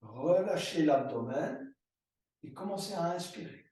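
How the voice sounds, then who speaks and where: A man teaching a yoga class, giving slow, calm breathing and movement cues. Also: fairly high pitch, far from the mic. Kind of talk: guided yoga class instruction. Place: room recorded as an online class. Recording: roomy echo, voice from afar.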